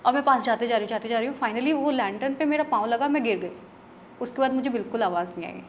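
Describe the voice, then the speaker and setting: Woman, from Odisha, interview guest, chatty storyteller, higher-pitched voice, faint background noise. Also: fast. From Odisha, India. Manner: chatty, mixes English words, checks in with "right?". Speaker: guest, tarot reader.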